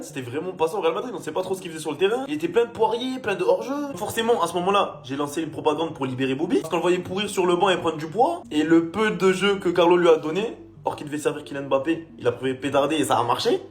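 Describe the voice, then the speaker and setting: Fast, higher-pitched man talking slangy football. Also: expressive. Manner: slangy, mocking, teasing. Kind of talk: casual social media football commentary. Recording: faint music behind the voice.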